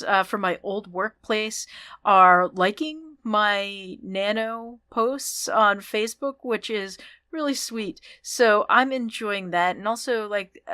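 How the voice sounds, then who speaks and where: A woman hosting her own podcast, chatting casually and upbeat through thanks and shout-outs, with ums and restarts. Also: medium pitch, dry recording, studio quality. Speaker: podcast host.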